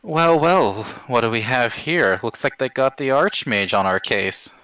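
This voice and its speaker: A man's voice: medium pitch, animated, unhurried, a bit bright, clear, resonant tone, no room sound, poor audio. A man voicing a smug female necromancer villain who taunts, in a tabletop game. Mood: smug taunting.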